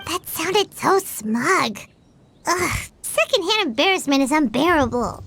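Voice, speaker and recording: An actress voicing a tiny, bratty floating companion creature who whines and snarks, in a video game. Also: female voice, sits high, lively intonation, a little slow, gravelly, a bit bright, a little hiss or hum, heavily acted. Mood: snarky. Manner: whiny, snarky.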